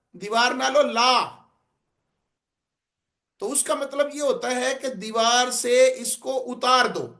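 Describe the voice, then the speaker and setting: A man's voice: very high voice, vocal fry, fairly bright tone. A man with a Punjabi-inflected accent teaching a class on public speaking, explaining plainly and then declaiming example lines to show intonation. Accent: Punjabi-inflected Urdu. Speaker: oratory teacher.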